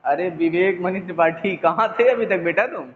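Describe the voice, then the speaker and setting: Chatty teacher scolding students on phone. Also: male voice, high voice, normal speed. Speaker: physics teacher. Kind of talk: online class, casual teasing. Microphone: mobile phone. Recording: echoey, tinny phone line, faint noise.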